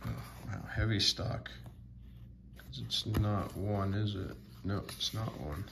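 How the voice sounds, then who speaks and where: A man casually sorting through sports cards on video, slowly reading out player names with many fillers. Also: on the low side, gravelly, noisy background. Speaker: sports card vlogger. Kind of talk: casual card sorting commentary.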